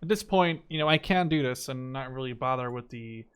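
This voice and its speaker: A Canada-based Dutch man in his twenties, a native Dutch speaker and gaming video creator, gives casual gameplay commentary in a medium-pitched, fairly quick voice. Crowd noise, gunfire, and strategy-game battle sounds play behind him.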